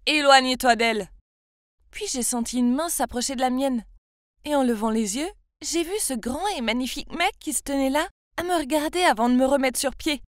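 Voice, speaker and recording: A woman's voice: high-pitched, a little fast, no echo, studio quality. A woman in her twenties from France telling her own story in a confiding, chatty first-person narration. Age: 20s.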